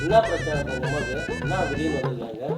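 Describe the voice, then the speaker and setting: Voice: mid-range voice, fast. A performer playing a puzzled, offhand son-in-law in a scripted comic family quarrel. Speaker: son-in-law in a comedy skit. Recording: roomy and distant, with loud music.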